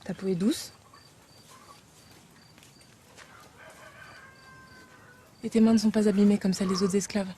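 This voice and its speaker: Period film young slave woman actress: gentle, lovelorn, mellow middle-pitched voice, faint noise behind. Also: little pitch movement, fast, lightly acted. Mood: gentle, curious.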